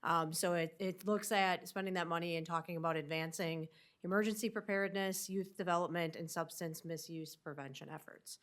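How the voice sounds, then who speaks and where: A woman's voice: on the low side, steady tone, brisk, fairly bright tone. A woman with a nasal voice from a winter cold, giving a superintendent's upbeat update at a school board meeting. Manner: upbeat, with many fillers.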